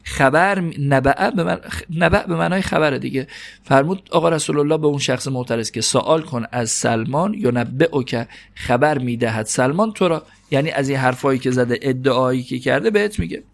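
A man teaching an Arabic grammar lesson in Persian, who recites Arabic phrases slowly and drills verb conjugations. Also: medium pitch, creaky. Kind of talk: classroom lesson, parsing Arabic text.

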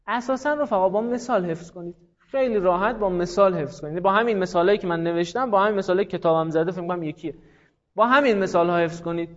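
Animated high-voiced male teacher. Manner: animated, praises students, repeats examples slowly. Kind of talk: classroom lesson on Arabic morphology. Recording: dull lo-fi classroom recording.

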